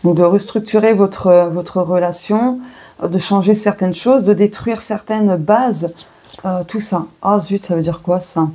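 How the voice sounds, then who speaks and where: A woman's voice: medium pitch, measured pace, dark tone. Chatty French woman reading oracle cards. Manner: chatty, thinks aloud with many fillers and self-asides. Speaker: tarot and oracle card reader. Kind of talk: casual weekly card reading to viewers.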